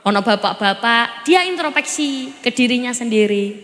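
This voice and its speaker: High, bright Javanese woman preaching. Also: expressive, moderate pace, in a large hall. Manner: playful, chatty, quizzes the audience. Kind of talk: humorous sermon at a religious gathering. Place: on stage at a large gathering.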